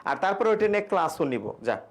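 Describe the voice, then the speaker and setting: In this online exam-prep grammar lesson, a young man speaks quickly in a high-pitched, very lively voice. He reads out questions from students and answers them, explaining English grammar casually in Bengali with English examples.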